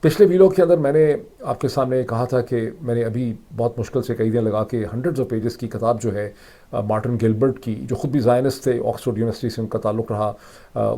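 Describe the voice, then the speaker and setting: A middle-aged Pakistani man speaks in a soft, mellow voice at a middle pitch. His Urdu commentary is emphatic and explanatory, and English phrases keep surfacing in it. He talks like an analyst walking viewers through his reasoning. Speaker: political analyst and host. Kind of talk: solo commentary monologue.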